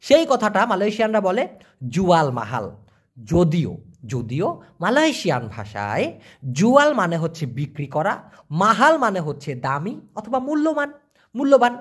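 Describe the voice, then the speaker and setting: A man giving an online language lesson, answering viewer questions and slowly repeating foreign words for pronunciation. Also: high-pitched, wildly swooping pitch, fairly bright tone, husky. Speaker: language teacher.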